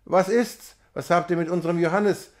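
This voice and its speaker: A man's voice: fairly high pitch, normal speed, darkish tone, lightly acted. A man reading a classic novella aloud, voicing a proud, boastful young male peasant in a commanding tone. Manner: commanding, swaggering.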